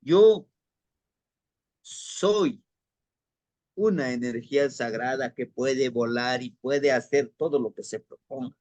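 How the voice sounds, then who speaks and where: A man voicing a humble young butterfly, once a little worm, speaking in calm, earnest declarations. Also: mid-range voice, takes it slowly, pauses often, no room sound, lightly acted.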